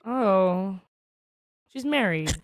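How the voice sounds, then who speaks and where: A woman's voice: mid-range voice, animated, drawn-out words, dry recording. A woman co-hosting a chat podcast who gushes, exclaims a lot and talks with many "like" fillers. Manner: gushy, exclaims often, lots of "like" fillers. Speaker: podcast co-host. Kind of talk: casual chat.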